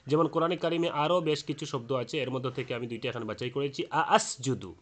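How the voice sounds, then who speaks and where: A man teaching Quran recitation rules in a spoken lesson. He explains slowly, with frequent hesitant fillers, and chants the example words aloud. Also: mid-range voice, steady tone, a little hiss or hum.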